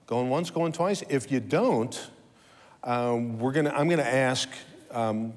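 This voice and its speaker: A man's voice: medium pitch, takes it slowly, in a large hall. A man hosting a live morning talk show, teasing his guests in a playful, upbeat way. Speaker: host.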